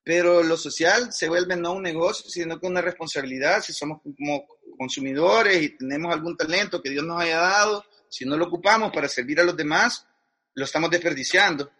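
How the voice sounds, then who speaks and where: Man, middle-aged, husky, higher-pitched, frank, slangy interview guest. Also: a little fast, bright, forceful tone. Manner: frank, slangy, restarts often. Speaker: guest advertising executive. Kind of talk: casual conversational interview.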